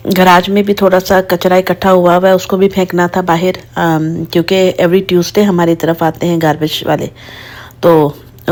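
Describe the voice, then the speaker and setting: A woman in her thirties from Pakistan with a Pakistani accent, chatting casually to viewers in a daily vlog. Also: fairly low pitch. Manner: chatty, talks to viewers while driving and errands. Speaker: vlogger. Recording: camera audio with steady background noise.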